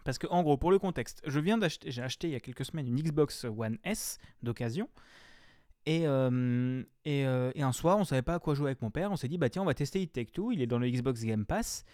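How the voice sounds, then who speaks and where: A man's voice: mid-range voice, expressive, fairly quick, darkish tone, no room sound, studio quality. A young man reviewing a game in casual chat, rambling and slangy, with frequent swearing and filler words.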